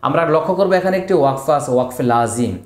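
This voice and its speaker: A man teaching Quran recitation. He spells out letters and vowel marks slowly, chants the verses, then explains the rules in quick asides. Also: medium pitch, animated. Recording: echoey room.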